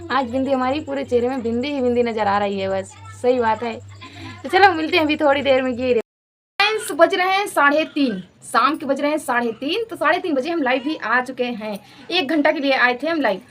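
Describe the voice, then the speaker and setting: A woman's voice: high-pitched, fairly bright tone, slight background noise. A woman in her thirties chatting casually in a home vlog, repeating herself and laughing often. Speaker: vlogger.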